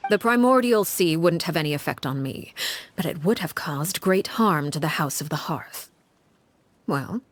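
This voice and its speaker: A woman voicing Arlecchino, a cold, composed leader of a household of orphans, who speaks in a measured, formal and quietly menacing way. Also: on the low side, lightly acted. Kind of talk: game cutscene voice acting.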